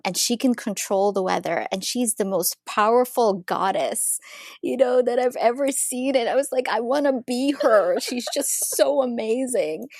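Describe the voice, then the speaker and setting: A woman's voice: mid-range voice, gravelly, no room sound. Eager woman from Ukraine, dry sound. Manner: warm, eager storytelling with frequent laughs. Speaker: guest psychologist. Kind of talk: casual interview.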